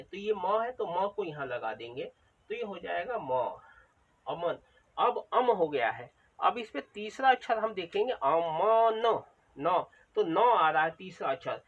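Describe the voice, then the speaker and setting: Patient male teacher, high voice, repeats each sound aloud; distant, muffled recording. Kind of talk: patient spoken lesson.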